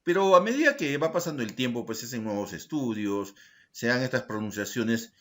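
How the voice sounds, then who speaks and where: A man teaching a secondary school language lesson in an online class, explaining slowly and checking in with his students by asking short questions. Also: mid-range voice, animated. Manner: slow, deliberate explaining, tag questions to students.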